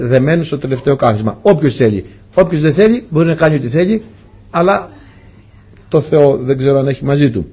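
A man's voice: on the high side, a little mellow, slightly rough. A man preaching a testimony sermon, telling his story earnestly and often turning to address the congregation as dear brothers.

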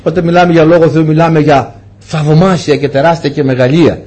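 A man preaching a sermon, telling stories and voicing the dialogue with big swings in pitch. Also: fairly even intonation, darkish tone, faint music behind.

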